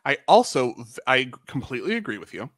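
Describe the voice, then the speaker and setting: A man's voice: medium pitch, big pitch swings, brisk, dry recording, clean studio sound. A man co-hosting a podcast in casual chat, opinionated and dryly sarcastic. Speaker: podcast co-host.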